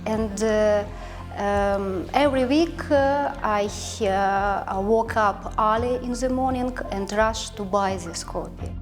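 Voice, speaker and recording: A woman's voice: medium pitch, takes it slowly, faint music behind. A woman, a diplomat, telling her story in an interview with very many hesitations. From Ukraine. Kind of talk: interview answer.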